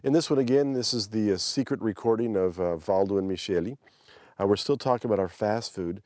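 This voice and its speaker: Guy teaching a language class, low voice, walks through example sentences and copies the intonation, dry recording. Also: normal speed, darkish tone, no echo. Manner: demonstrates phrases by imitating intonation. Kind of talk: explanatory lesson talk.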